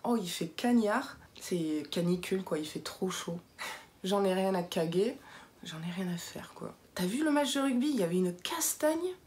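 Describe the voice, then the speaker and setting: A young woman vlogger from southwest France talks to camera in a casual, playful way. Her southwestern French accent is faint. Her voice sits at a middling pitch. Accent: southwestern French, light. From southwest France (Béarn). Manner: chatty, playful, lively asides.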